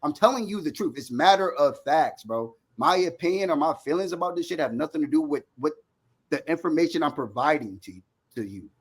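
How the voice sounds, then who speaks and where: A man with a slightly high voice argues heatedly about sports like a fan pundit. He is insistent and repetitive, cutting in with slang and profanity to press his point. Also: animated, fairly quick, husky. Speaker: sports fan debater, Cowboys supporter.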